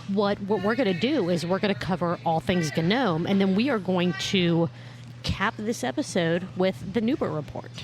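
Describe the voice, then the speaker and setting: A woman co-hosting a casual beer podcast, bubbly and teasing, rattling off plugs quickly. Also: mid-range voice, over music. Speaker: podcast co-host. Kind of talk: casual chat over beers. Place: home room, drinking beer.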